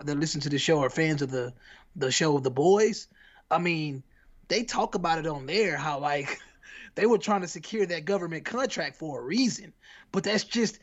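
A man's voice: fairly high pitch, highs cut off. Slangy American man, rambling podcast chat. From United States. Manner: rambling and slangy, full of restarts. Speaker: podcast co-host. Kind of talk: casual chat.

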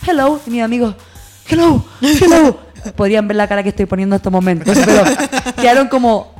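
A woman with a Chilean accent, telling backstage stories in a casual podcast chat, animated and laughing. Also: medium pitch, soft background music. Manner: animated storytelling, quick and laughing.

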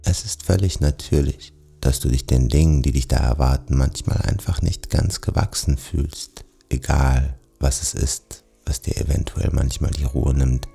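A man narrating a guided sleep meditation in a soothing, gentle manner, speaking softly and directly to the listener. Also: very deep voice, normal speed, vocal fry, hardly any pauses, husky, soft background music.

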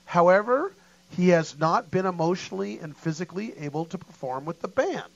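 Male radio co-host, casual and conversational, slightly high pitch, close dry mic. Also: lively intonation, a little fast, vocal fry, no echo, dull audio. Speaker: radio talk show co-host. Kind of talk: casual legal talk radio commentary.

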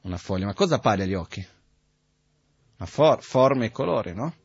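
A man's voice: fairly low pitch, animated, brisk, breathy edge, no room sound, muffled recording. A man teaching Buddhist philosophy to an audience in a conversational way, often checking that listeners follow. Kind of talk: spoken dharma teaching.

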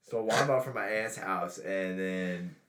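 A man's voice: low voice, normal speed, reverberant, a loud crowd. A young man from Louisiana, rambling through casual stories full of "dude" and "like" as a podcast co-host. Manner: rambling, filler-heavy, says "dude". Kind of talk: casual chat, storytelling.

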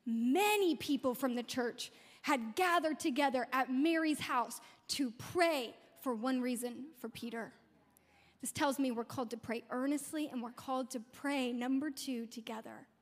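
A woman's voice: high-pitched, moderate pace, in a large hall. A woman pastor preaching a sermon in a church, stressing key words by repeating them. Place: church sanctuary.

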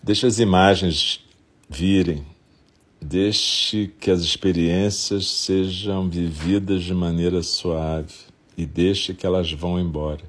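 A Brazilian man speaks in a very deep, husky voice as a meditation guide. His delivery is very slow and gentle, with long pauses between short, soothing phrases. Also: steady tone. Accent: Brazilian Portuguese.

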